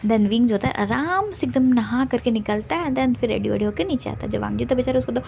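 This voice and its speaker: A woman's voice: fairly high pitch, animated, quick pace, gravelly, a little mellow, a little hiss or hum. A woman casually retelling a fan fiction story in a chatty way, with many restarts.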